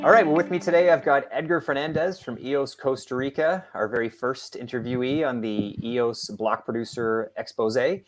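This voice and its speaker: A man's voice: mid-range voice, normal speed, few pauses, soft background music. Upbeat casual male interview host. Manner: relaxed, upbeat, with filler words.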